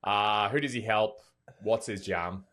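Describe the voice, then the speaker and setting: A man's voice: on the low side, a little slow, fairly bright tone. A man hosting a podcast, talking loosely with casual swearing and lots of fillers. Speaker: podcast host.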